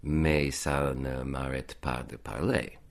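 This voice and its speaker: An American man, a native English speaker, chatting in French as a learner, halting and searching for words. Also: rumbling low, steady tone, gravelly. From United States. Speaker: guest. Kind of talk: casual conversation in French as a learner.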